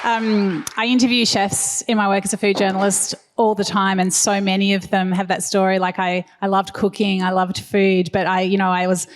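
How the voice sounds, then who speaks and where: A woman's voice: medium pitch, flat delivery, normal speed, few pauses, some chatter behind, slight background noise. Chatty woman panel moderator. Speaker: panel moderator, food journalist.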